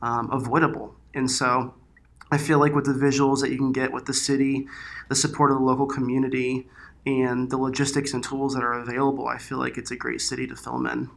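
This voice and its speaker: A man's voice: medium pitch, little pitch movement, brisk, vocal fry. A man giving casual interview answers as a filmmaker guest, in informal, loosely phrased speech. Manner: informal, hesitant phrasing with frequent "like" and "you know".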